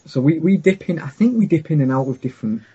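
A man with a north-east English accent from the Teesside area talks casually in a husky voice. He rambles and restarts sentences, hesitating as he goes. The recording is a little dull and lo-fi. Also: on the high side, lively intonation, fast talker, warm tone. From north-east England, Teesside area. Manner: rambling, hesitant, often breaking off mid-sentence. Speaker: gaming video creator, interview guest. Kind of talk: casual chat.

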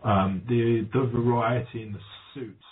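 A man's voice: medium pitch, steady tone, a little slow. A man chatting casually, reminiscing in a rambling way with many ums and restarts. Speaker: podcast guest. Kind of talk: casual chat. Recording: tinny phone-like line, faint noise.

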